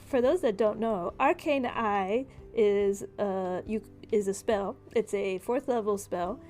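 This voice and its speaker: A woman in the game master's role casually narrates a tabletop session and lays out the rules, with music playing behind her. Her voice is mid-range, slow and darkish.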